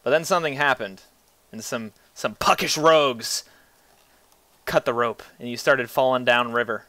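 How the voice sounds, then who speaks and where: Bright, clear-voiced man as game master. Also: medium pitch, moderate pace, no room sound. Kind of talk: narrating a tabletop game, casual.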